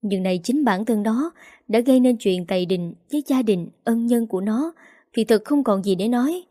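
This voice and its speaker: A woman voicing a betrayed older aunt who speaks in a flat, controlled way in a storybook reading. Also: a little high, normal speed, no echo, clean studio sound. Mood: cold. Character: older aunt, cold and stone-still after betrayal.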